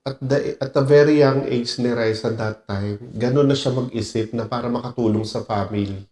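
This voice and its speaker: Guy doing reaction commentary, gets emotional, echoey room, mid pitch voice. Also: normal speed, dark tone. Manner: emotional, mixing English phrases, laughs often. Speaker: reaction video host.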